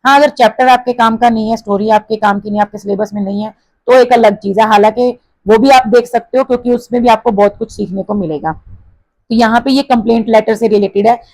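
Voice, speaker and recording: A woman teacher with an Indian accent explaining a textbook exercise, mixing Hindi with English and reading example sentences slowly with stress. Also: on the high side, steady tone, a little mellow, dry recording, low-quality recording.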